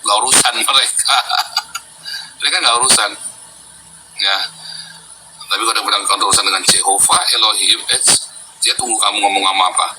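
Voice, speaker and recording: A man's voice: on the low side, fairly even intonation, brisk, long pauses. A man hosting a heated talk on scripture, boastful and scolding as he lectures his listeners. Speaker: apologetics host. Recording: loud background noise.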